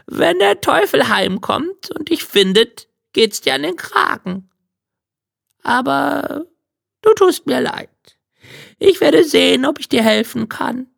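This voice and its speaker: A man reading a storybook, voicing a crafty but kindly old grandmother in a creaky falsetto with a fussing, sing-song manner. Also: animated, slow pace, a bit bright, dry recording, clean studio sound, exaggerated voice. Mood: sympathetic.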